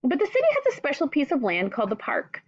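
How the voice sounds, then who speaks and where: A woman teacher reads a children's picture book aloud, talking straight to young listeners with simple questions and asides. Her high voice swoops wildly in pitch and moves fast. The recording is muffled, with no room sound.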